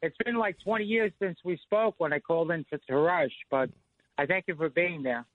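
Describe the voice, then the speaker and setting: A man's voice: a little high, fairly quick, no room sound. A man calling in by phone to a radio show. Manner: rambling storyteller with many fillers like "you know" and "like". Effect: phone line call-in to a radio show. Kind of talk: telling a personal story on a call-in show. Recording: tinny dry phone line.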